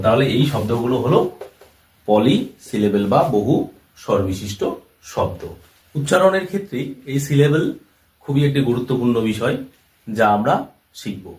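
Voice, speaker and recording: A man's voice: medium pitch, a little mellow. A man explaining a language lesson step by step, repeating each term and example. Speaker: English teacher. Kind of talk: classroom-style lesson explanation. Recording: roomy echo, voice from far off the mic.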